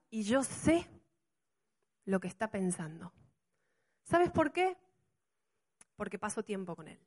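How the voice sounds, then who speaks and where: A middle-aged woman pastor, preaching an animated sermon full of rhetorical questions. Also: fairly high pitch.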